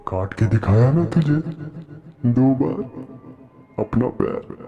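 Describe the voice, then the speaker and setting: A man's voice: medium pitch, expressive, slow pace, dark tone, dull audio, soft background music. An actor playing a cruel, taunting headless male ghost in a horror audio story, with mocking sing-song taunts that drop into whispers.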